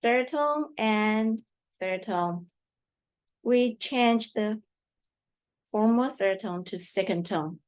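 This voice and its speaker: A woman with Mandarin as her first language teaching a Chinese lesson in English. She speaks very slowly, at an ordinary pitch for a woman. She patiently repeats each word for her learners. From Taiwan. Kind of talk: slow language lesson explanation.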